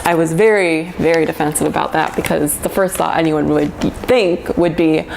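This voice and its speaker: A woman's voice: low-pitched, fairly even intonation, moderate pace, vocal fry, a little mellow, slight background noise, poor audio. A woman in her twenties reading her old diary aloud in a casual, chatty way, embarrassed and poking fun at herself. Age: 20s. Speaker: vlogger reading her old teenage journal.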